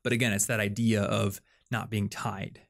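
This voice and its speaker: With a lowish, level voice at normal speed, this young man has vocal fry and a fairly bright tone. He hosts a laid-back podcast conversation, explaining things chattily and filling gaps with "like" and "um."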